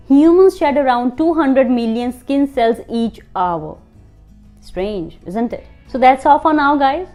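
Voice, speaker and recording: An Indian woman hosting a fun-facts video. She reads the facts slowly in English and then chats quickly in Hindi. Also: on the high side, a little mellow. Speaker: host. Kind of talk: fact-sharing video, scripted English and chatty Hindi.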